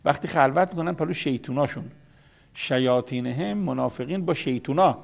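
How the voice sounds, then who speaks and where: A man's voice: fairly high pitch, gravelly. A man giving a religious lecture on scripture, explaining terms patiently and repeating key words for emphasis. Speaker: Quran commentator.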